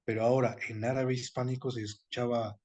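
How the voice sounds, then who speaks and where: A man gives a patient explanatory lecture at a middling pitch. He repeats points and corrects himself as he goes, checking in with his listeners. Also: little pitch movement, brisk, a little mellow, lo-fi sound. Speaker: seminar lecturer on etymology. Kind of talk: explanatory online class.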